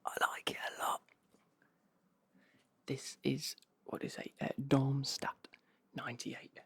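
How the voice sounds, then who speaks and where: Male ASMR host, breathy whisper with fry, rambling casual unboxing chat. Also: mid-range voice, level tone, slow, a bit bright, no room sound. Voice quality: breathy whisper with creaky edges.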